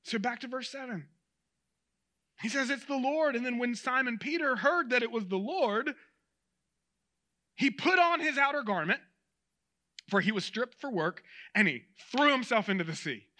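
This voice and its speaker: A man delivers a sermon in a conversational, animated style. He speaks straight to his listeners. His voice is very high-pitched and strikingly bright. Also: normal speed, long pauses. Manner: conversational and animated, addresses the audience directly. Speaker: preacher.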